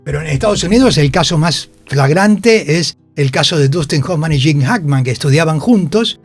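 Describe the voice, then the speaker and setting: A man's voice: on the high side, animated, normal speed, no room sound, soft background music. An older man with a Rioplatense Spanish accent, telling anecdotes in a radio interview and acting out the quotes as he goes. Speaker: interviewed actor. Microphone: radio studio microphone.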